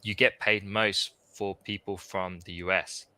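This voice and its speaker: A man's voice: low-pitched, level tone, unhurried, sharp tone. A man guest on a chat stream, explaining at length in a casual way, with plenty of fillers.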